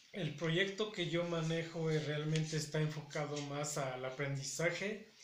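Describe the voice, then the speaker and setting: A man gives a language lesson, patiently repeating each word. His voice sits a little high and moves very slowly. The recording carries a noticeable room echo. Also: a little hiss or hum. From Puebla, Mexico. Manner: patient, repeats words slowly to show pronunciation. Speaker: Nahuatl language teacher. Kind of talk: spoken language lesson to camera. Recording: echoey room.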